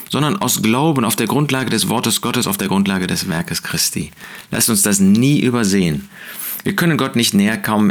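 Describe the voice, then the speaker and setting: A man giving a short daily Bible devotional, earnest and emphatic, repeating his key phrases. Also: on the low side. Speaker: preacher.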